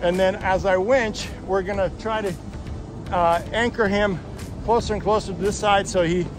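A middle-aged tow truck driver narrating a casual vlog, explaining each step plainly with lots of "uh" fillers, recorded on a handheld phone outdoors. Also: male voice, sits high, fairly even intonation, normal speed, music in the background. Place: outdoors on a muddy wooded hillside. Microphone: handheld phone camera. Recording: outdoor phone audio with wind and engine noise. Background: truck engines and outdoor noise.

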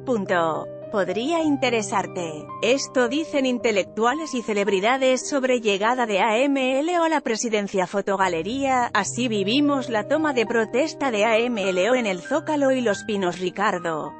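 A woman's voice: on the high side, animated, normal speed. A woman reading a scripted news voice-over with a wry, sardonic delivery. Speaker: news narrator. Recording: faint music bed behind.

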